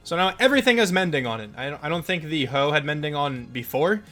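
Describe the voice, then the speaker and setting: A young man with a fairly high voice talks through his gameplay in a loose, rambling way, full of likes and ums. He sounds stuffed up and congested. Faint music plays underneath. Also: lively intonation, fast talker, fairly bright tone. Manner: chatty, rambling, lots of fillers. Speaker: gaming channel host. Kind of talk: casual let's play commentary.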